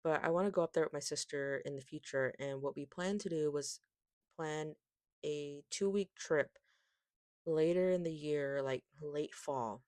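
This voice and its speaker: A woman's voice: sits low, measured pace, darkish tone, no echo, clean studio sound. A woman with a lisp that makes her s slushy, chatting casually and rambling, often interrupting herself. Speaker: vlogger, K-pop collector. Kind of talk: casual rambling haul chat.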